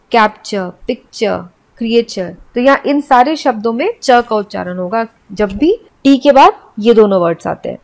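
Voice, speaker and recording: Woman teacher spelling out words slowly. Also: sits high. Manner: explains step by step and spells out words letter by letter. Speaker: English teacher. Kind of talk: classroom explanation.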